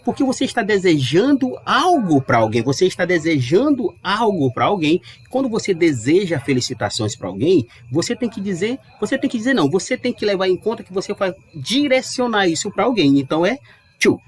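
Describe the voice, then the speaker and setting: Male language teacher, husky voice, very lively intonation, casual and explanatory. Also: high voice. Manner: lively, chatty, stretches English words slowly to model pronunciation. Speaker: English teacher. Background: dog barking outside.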